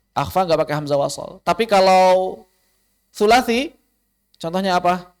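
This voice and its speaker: A man with an Indonesian accent teaching an online recitation class, asking and answering his own questions and slowing down to spell out Arabic words. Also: on the high side.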